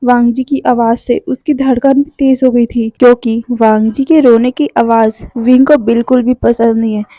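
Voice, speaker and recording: A woman narrating a fan-fiction story in a steady, expressive storytelling way. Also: on the high side, normal speed, few pauses, dry recording.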